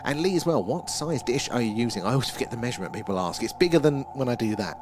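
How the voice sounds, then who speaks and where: An Essex-accented livestream host talks quickly in an animated, mid-range voice over background music. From a small room at home he replies to viewer comments in a rambling, self-deprecating way.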